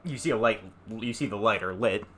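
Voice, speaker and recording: A man's voice: fairly low pitch, fairly quick, fairly bright tone, slightly rough. A man playing a tabletop role-playing game, acting out his moves casually over music. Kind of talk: casual, animated improvised play. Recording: music under the voice.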